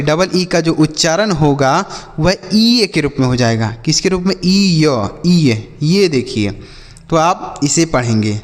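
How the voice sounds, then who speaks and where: A man with a slightly high voice teaches phonics, walking children through each sound and asking them back. His voice rings with a long, hall-like reverb. He talks with patient repetition. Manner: patient, repeats and quizzes the children. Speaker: English teacher. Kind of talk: classroom-style phonics lesson.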